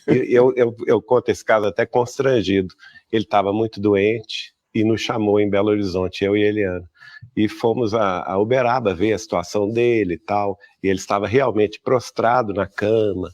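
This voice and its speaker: A man's voice: on the low side, steady tone, moderate pace, a little mellow, no room sound, highs cut off. A man in a documentary interview, telling a personal story in a hesitant, earnest way. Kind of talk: personal recollection.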